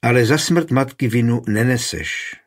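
A man with a husky voice reading an audiobook, giving a stern yet caring grandmother a firm, serious delivery. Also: mid-range voice, natural voice. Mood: gentle.

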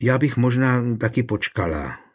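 Male narrator as anxious pious village woman, husky, tremulous and pleading, storybook reading. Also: mid-range voice, lively intonation. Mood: hopeful. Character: anxious devout young village woman, earnest.

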